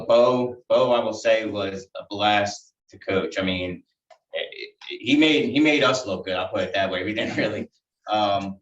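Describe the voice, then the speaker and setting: Man, youth coach, low voice, hesitant speech, dull and distant in an echoey chamber. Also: a bit bright. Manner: halting, hesitant, many fillers. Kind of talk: public tribute at council meeting. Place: council chamber. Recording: dull, echoey room from far off.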